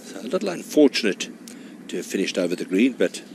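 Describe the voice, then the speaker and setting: A man giving measured, informative live commentary as a golf broadcaster. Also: fairly low pitch, very animated. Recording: clear background noise, outdoor course ambience.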